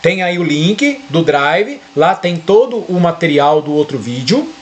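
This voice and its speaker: A man's voice: fairly high pitch, sing-song, unhurried. A man with a Brazilian Portuguese accent explaining a spreadsheet to teachers over a screen share, checking in often with short questions. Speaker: educator explaining a spreadsheet tool.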